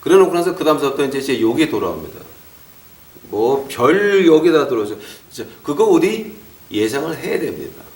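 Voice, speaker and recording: A middle-aged man preaching a sermon as a pastor. He talks in an animated way, acts out relatives scolding him and drops short English phrases into his talk. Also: a little high, a little fast. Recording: roomy echo, mic far off.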